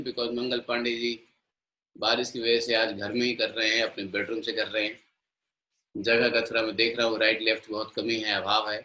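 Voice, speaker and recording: A man's voice: medium pitch, sharp tone, roomy sound, rough recording. Indian man coaching an online yoga class. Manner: mixes Hindi and English, coaching students by name. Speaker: yoga teacher.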